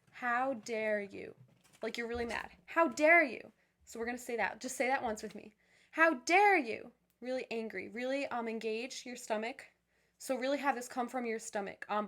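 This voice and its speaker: Upbeat young woman teaching vocal warm-ups. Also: fairly high pitch. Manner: upbeat, encouraging, talks to viewers directly; many fillers, restarts and repeats. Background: piano.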